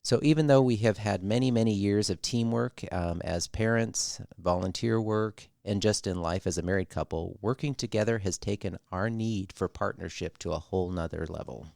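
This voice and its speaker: Low gravelly male podcast host. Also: normal speed, hardly any pauses, no echo, studio quality. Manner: relaxed, with fillers and asides. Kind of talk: casual podcast chat.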